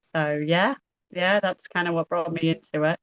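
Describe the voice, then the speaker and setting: A woman in her thirties with an Irish accent, a podcast guest talking about her work at a measured, deliberate pace. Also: low-pitched, steady tone, dry recording. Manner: measured, deliberately slowed speech. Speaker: podcast guest, pelvic health physio. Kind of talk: casual podcast chat. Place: at a co-host's home. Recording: dull lo-fi sound.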